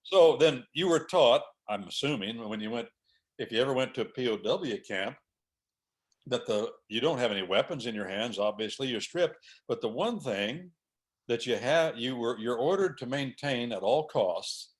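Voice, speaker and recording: A man's voice: mid-range voice, expressive, normal speed. A man hosting a conversation, driving points home with emphatic, preacher-like repetition. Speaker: host. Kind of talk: conversational talk on faith and order.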